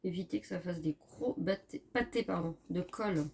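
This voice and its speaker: A woman chatting casually through a craft tutorial, often correcting herself and filling pauses as she works. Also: on the low side, gravelly, darkish tone, a little hiss or hum. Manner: chatty, self-correcting, many fillers. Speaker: scrapbooking crafter.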